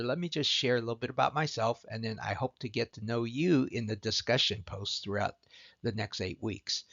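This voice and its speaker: In a muffled recording, a course instructor from Southern California, middle-aged, introduces himself during a lecture. He speaks earnestly and deliberately with many pauses, his medium-pitched voice carrying vocal fry.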